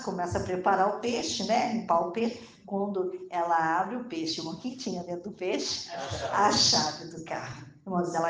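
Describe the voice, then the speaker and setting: A woman's voice: medium pitch, echoey room. A woman with a Brazilian Portuguese accent preaching a sermon, telling a story to the congregation and acting out its dialogue. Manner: addresses listeners as "irmãos", acts out dialogue in the story.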